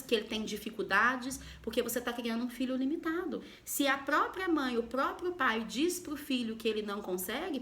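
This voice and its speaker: A woman's voice: on the high side, a bit bright. A woman from Goiânia, a mother, giving a motivational talk on emotional health and firing direct rhetorical questions at the viewer. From Goiânia, Brazil. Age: adult, mother of a daughter.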